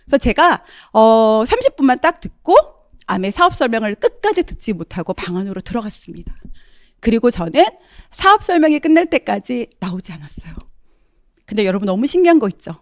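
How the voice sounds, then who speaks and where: A woman's voice: a little high, sing-song, a little fast, no echo, studio quality. A middle-aged woman giving a testimonial talk, often turning to address her audience as she tells her story.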